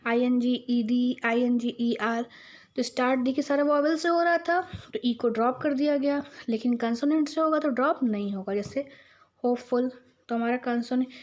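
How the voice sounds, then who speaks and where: A woman teacher with an Indian accent explains English spelling rules in a grammar lesson. She reads each rule slowly in English, then explains it in Hindi, often checking in with "theek hai" and calling her students "beta". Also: a little high.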